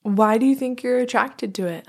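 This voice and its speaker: A woman hosting a casual conversation, reflective and pausing as she asks questions and shares stories. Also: fairly high pitch, vocal fry, a little mellow. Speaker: podcast interviewer.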